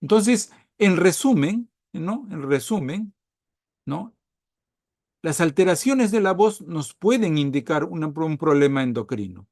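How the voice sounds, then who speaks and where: A man's voice: a little high, animated, a little slow, darkish tone, no room sound, studio quality. A man giving a recorded medical lecture, checking on his listeners with frequent tag questions and stressing key words.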